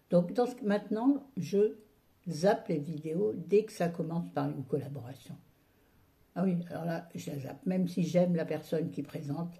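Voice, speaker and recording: A woman talks straight to her viewers in a casual home vlog, grumbling about everything that annoys her. Her voice sits low and very dark, with a gravelly fry running through it. She rambles in a loose, colloquial, exasperated way. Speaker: vlogger.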